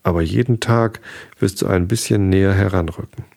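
A man reading a storybook aloud and voicing a wise, wistful fox in a gentle, thoughtful way. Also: low voice, moderate pace, vocal fry.

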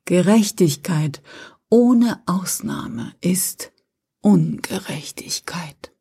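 A woman voicing Lucifer, a calm, seductive male fallen angel, speaking slowly and gently in a whispered role-play. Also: vocal fry, breathy edge, exaggerated voice. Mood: soft persuasive. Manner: slow, low, gentle, persuasive.

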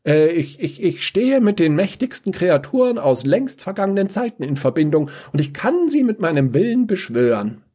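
A man voicing a clumsy, eager male dinosaur summoner who stammers and hesitates, with a husky voice. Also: high-pitched, very animated, normal speed, hardly any pauses, warm tone, pitched above the performer's own voice, heavily acted. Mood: flustered.

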